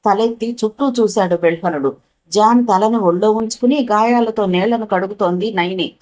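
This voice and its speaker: Woman narrator, novel audiobook, dramatic expressive reading, middle pitch. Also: normal speed, poor audio.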